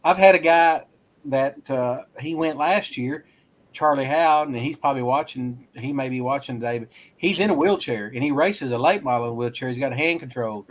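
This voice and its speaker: A man's voice: mid-range voice, normal speed. A man from Arkansas, a racing school instructor, talking casually as a guest and rambling with restarts. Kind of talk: casual interview talk.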